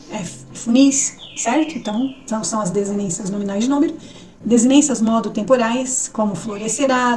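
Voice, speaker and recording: Higher-voiced woman teaching grammar. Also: warm tone, recorded from a distance. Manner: explanatory, conversational with checks like "certo?". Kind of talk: online grammar lesson.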